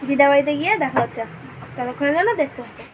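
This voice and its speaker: Hoarse young woman vlogging at home. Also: high voice, racing, noisy background. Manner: chatty, showing things to camera. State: hoarse, stuffy nose from a cold. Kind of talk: casual vlog narration.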